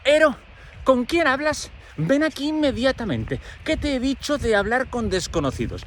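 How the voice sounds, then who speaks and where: A man voicing a strict, protective middle-aged mother who scolds in a shrill voice. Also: sing-song, moderate pace, slight background noise. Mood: scolding.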